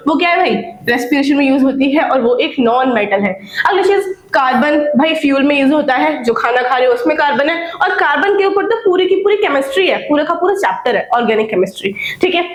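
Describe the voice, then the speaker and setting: A young woman teacher giving a brisk, exam-focused classroom lecture, often checking in with her students, while coughing from a slight cold. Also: sits high, roomy sound, poor audio. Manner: brisk, addresses students as beta and bhai, checks with "theek hai?".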